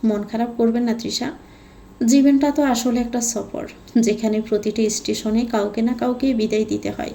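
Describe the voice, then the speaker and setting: A woman voicing a calm young father, a navy captain, who speaks softly and soothingly in an audio story. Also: a little high, creaky. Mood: gentle. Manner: soft, soothing, unhurried.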